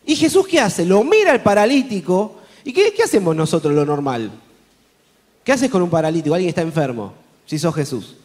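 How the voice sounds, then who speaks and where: A man with a Rioplatense Spanish accent preaching a conference sermon, telling Bible stories with lively rhetorical questions to the audience. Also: high voice, brisk. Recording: long hall reverb.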